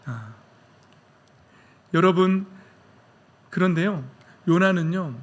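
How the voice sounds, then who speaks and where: A man's voice: sits high, animated, slow pace. A man, a pastor, preaching a sermon in a conversational style. He jokes with the congregation and acts out the questions and complaints in his story. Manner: voices God's questions and Jonah's complaints in quoted speech.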